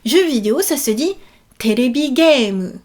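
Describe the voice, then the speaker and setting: A woman teaching a language lesson, explaining grammar patiently and repeating example phrases slowly. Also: high-pitched, animated, a little mellow.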